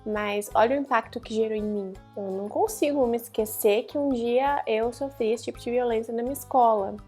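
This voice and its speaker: A young woman from Brazil telling a personal story to camera as a vlogger, earnest and emotional, with pauses and restarts. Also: fairly high pitch, a little mellow, soft background music.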